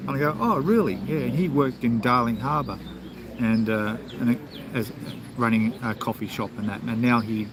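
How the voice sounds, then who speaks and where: A man with an Australian accent and a medium-pitched voice hosts a casual travel livestream at a moderate pace, answering viewer comments. He rambles chattily with lots of ums and restarts, over clear outdoor background noise.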